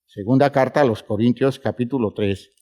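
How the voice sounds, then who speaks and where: This sermon comes from a man whose voice is medium-pitched and mellow. He preaches emphatically yet at a measured pace, calling listeners brothers and elongating words for effect.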